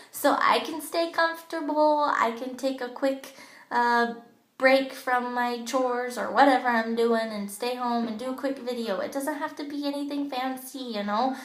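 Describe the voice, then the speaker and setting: A makeup team leader in direct sales, with a childish, a little high and fairly bright voice, gives her team a relaxed training talk. She's chatty and keeps saying um and you know. The clip comes from an old smartphone camera in her home bathroom, with echo.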